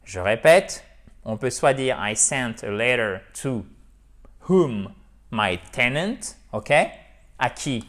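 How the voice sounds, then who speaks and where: A man giving an online English lesson, explaining slowly and checking in with "ok?". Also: mid-range voice, expressive, a bit bright. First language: French. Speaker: English teacher.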